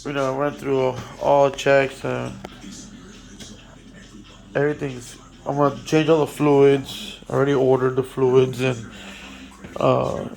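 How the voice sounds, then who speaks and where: A man's voice: mid-range voice, little pitch movement, takes it slowly, vocal fry, long pauses, a little mellow, faint music behind. A man explaining a motorcycle repair in a casual workshop walkthrough, rambling with many fillers and restarts, blunt and swearing now and then. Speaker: motorcycle mechanic.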